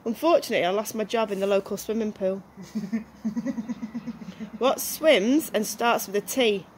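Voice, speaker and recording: A woman's voice: mid-range voice, moderate pace, poor audio. A middle-aged woman reading one-liner jokes aloud outdoors. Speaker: joke reader. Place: small back garden, outdoors. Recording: faint outdoor background noise.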